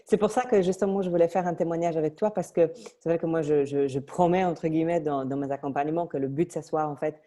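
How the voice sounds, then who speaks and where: A woman's voice: low voice, quick pace, few pauses, dark tone. A woman fitness coach interviewing a client, hesitant and full of fillers.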